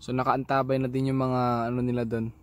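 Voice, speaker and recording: A man with a Filipino accent, talking casually outdoors beside his pigeon loft in a relaxed, rambling vlog with many restarts. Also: medium pitch, brisk.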